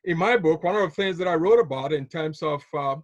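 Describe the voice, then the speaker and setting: High-voiced man from Ghana, motivational. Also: brisk, dry recording, dull audio. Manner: storytelling, repeats key phrases, chuckles often. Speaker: business trainer. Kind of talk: motivational talk on a call.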